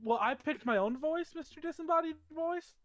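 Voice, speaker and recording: A man's voice: very high-pitched, moderate pace, a bit bright, dry recording. A man playing a tabletop role-playing game, bantering in character in a playful, mock-formal way.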